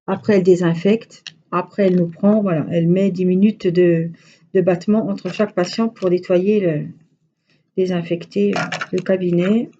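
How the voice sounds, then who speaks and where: A woman's voice: lowish voice, steady tone, moderate pace, warm tone, highs cut off, slight background noise. A woman with a Franche-Comté French accent, chatting casually and rambling to her viewers as a crochet vlogger.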